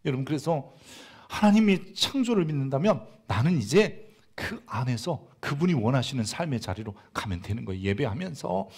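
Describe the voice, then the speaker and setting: Man, pastor, church sermon, swings from loud emphasis to hushed asides, folksy humorous stories. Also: medium pitch, very animated, normal speed, husky. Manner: tells humorous everyday anecdotes.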